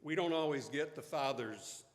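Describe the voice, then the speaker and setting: A man in his fifties telling a personal story in a sermon, slow and deliberate, growing hushed at tender moments. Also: a little high. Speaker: pastor. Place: church sanctuary. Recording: echoey church hall.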